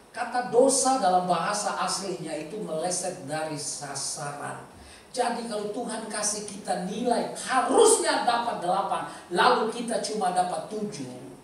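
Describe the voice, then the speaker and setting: Man, preacher, sermon, animated loud and soft swings, echoey hall, distant mic. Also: high voice, a little hiss or hum. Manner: animated, swinging between loud bursts and quiet asides. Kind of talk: sermon with Bible reading. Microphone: handheld mic from a distance.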